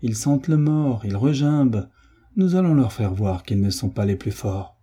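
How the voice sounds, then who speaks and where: A man's voice: mid-range voice, lively intonation, normal speed, mellow, husky. A man reading aloud, voicing a cruel, domineering landowner who speaks in a stern, threatening way. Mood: scheming. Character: cruel, domineering male landowner, middle-aged.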